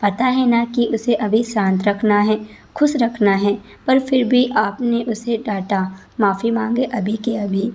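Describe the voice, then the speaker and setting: A woman's voice: a little high, steady tone, unhurried, a little mellow. A woman voicing a stern older father in a read-aloud story, scolding reproachfully. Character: stern elderly patriarch father.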